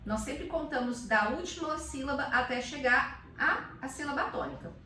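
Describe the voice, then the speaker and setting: A woman teacher explains in a lively, animated way, her pitch slightly high and swinging widely. She calls words out aloud as she demonstrates. She sits a little back from the mic in an echoey room. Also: moderate pace, distant mic, slight background noise. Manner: animated, demonstrates sounds by calling out. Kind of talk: casual explanatory chat.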